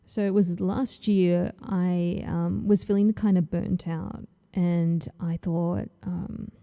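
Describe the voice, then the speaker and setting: An Australian woman chats casually on her livestream in a dark, gravel-edged voice that sits a touch low. She takes her time, unhurried and a little nervous, with plenty of ums between thoughts. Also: little pitch movement. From Tasmania, Australia. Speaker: comic artist hosting her launch stream. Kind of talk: casual livestream chat while drawing.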